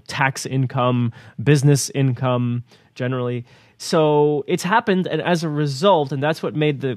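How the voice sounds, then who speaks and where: A man's voice: fairly high pitch, no echo, studio quality. Rambling man chatting about the news. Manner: rambling, repeats words, laughs between points. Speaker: co-host of a news talk program. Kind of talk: casual news discussion.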